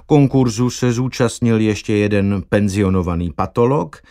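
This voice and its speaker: A man reading an audiobook aloud with wry, expressive storytelling. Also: fairly low pitch. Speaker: audiobook narrator. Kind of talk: scripted narration.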